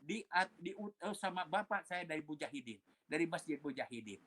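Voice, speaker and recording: A man's voice: a little high, expressive, brisk, fairly bright tone. A man who is a pastor, giving an emotional personal testimony, telling his story animatedly, acting out the voices of others, and dropping in English phrases.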